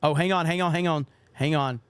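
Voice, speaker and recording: A young man hosting a casual livestream podcast reads out viewer donations and swears in an offhand way. He speaks briskly in a steady, clean tone, his voice on the high side, with no echo.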